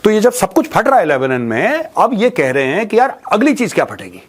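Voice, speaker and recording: Speaking briskly in a high voice with wildly swooping pitch, a man hosts a news commentary show, addressing viewers on current affairs in an opinionated, informal monologue. His tone is mocking and colloquial, full of rhetorical questions and repeated phrases for emphasis, with English mixed in.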